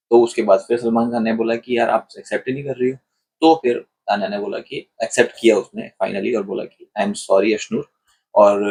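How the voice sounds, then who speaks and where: A man reviewing a television show in casual commentary, retelling events in an animated way and acting out what people said. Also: fairly low pitch, slightly rough. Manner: animated retelling, acts out quoted lines.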